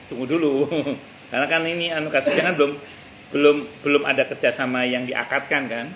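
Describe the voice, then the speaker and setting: A man's voice: medium pitch, fairly even intonation, a little fast, background noise. A man giving a religious study lecture in a conversational way, often repeating his points and quoting Arabic verses. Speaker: religious teacher. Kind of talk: mosque study-circle lecture. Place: cafe.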